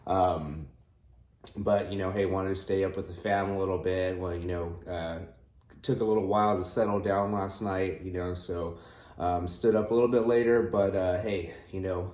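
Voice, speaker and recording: A man's voice: low-pitched, steady tone, moderate pace, a little mellow. A groggy man giving a casual motivational vlog chat early in the morning, rambling and trailing off as he goes. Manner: rambling, trailing off, frequent 'you know'. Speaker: host of a daily cold plunge vlog. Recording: roomy, echoing sound.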